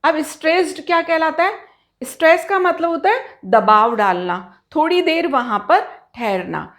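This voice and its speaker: A woman's voice: high voice, expressive, measured pace, fairly bright tone. A woman teaching English pronunciation, who asks her students questions and answers them herself, and stretches out example words as she spells them. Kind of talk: explanatory lesson to students.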